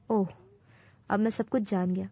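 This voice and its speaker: A woman's voice: medium pitch, fairly even intonation, no echo, close to an everyday voice. A woman voicing a grown male soldier who speaks with passion and dignity. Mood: defiant. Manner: passionate, proud. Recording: dull dry recording.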